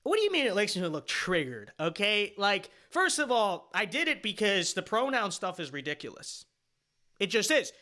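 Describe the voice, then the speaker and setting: Reacting on a livestream to a panel debate he took part in, a man rambles opinionatedly, full of fillers and restarts, emphatic and dismissive in manner. His sharp voice sits high, swings widely in pitch and moves at a moderate pace.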